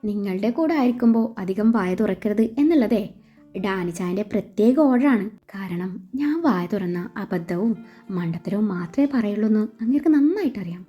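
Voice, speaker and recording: A woman's voice: medium pitch, expressive, normal speed, close to an everyday voice. A woman voicing a shy young bride-to-be who jokes about herself in a read-aloud story. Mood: wry. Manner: wry, self-deprecating. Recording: slightly dull with faint music.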